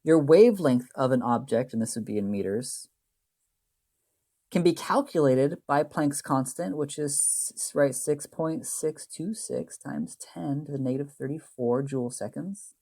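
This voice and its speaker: A man's voice: medium pitch, lively intonation, measured pace, mellow. A man teaching chemistry in a recorded lecture, talking through slides in a loose, rambling way, often checking in with a tag question and correcting himself mid-sentence. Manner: plays down the math. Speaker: chemistry instructor.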